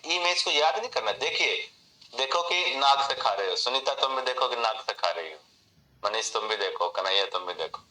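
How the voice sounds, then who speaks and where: A man teaching an online memory class, animated and talking straight to students by name while mixing English phrases into his Hindi. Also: mid-range voice, echoey room, poor audio.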